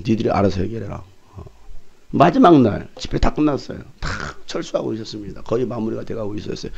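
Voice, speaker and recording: A man's voice: mid-range voice, creaky, dull audio. A male pastor preaching a sermon, telling stories animatedly and acting out the scenes he retells. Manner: animated storytelling, shouting in retold scenes. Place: church sanctuary.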